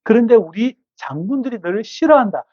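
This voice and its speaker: A king who coaxes gently and persuasively, in a high voice, as a preacher reads him. The sound is muffled and dry. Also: expressive, fairly quick, no room sound. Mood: coaxing. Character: king coaxing his loyal servant to leave.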